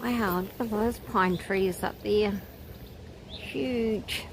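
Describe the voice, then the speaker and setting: A woman's voice: mid-range voice, fairly even intonation, drawn-out words. A woman giving casual, musing live commentary on a nature walk, with exclamations of wonder. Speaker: vlogger leading a nature walk. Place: outdoors on a wooded walking trail. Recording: outdoor ambient noise, birdsong. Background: nature ambience with birds.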